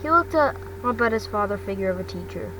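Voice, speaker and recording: A woman reads fan fiction aloud fast, with medium pitch, lively intonation, and a bright, forceful tone. Her style is amateur storybook, marked by frequent stumbles and repeated words. She's a fan fiction podcast reader recorded at home amid noise, far from the mic.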